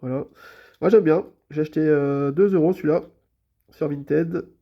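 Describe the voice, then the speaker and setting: A man's voice: on the high side, moderate pace, vocal fry, dull audio. A man with a cold and a blocked nose, chatting casually and hesitantly as he shows his toy car collection in a vlog. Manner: easygoing, chatty, full of hesitations and repeated fillers. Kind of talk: casual show-and-tell vlog.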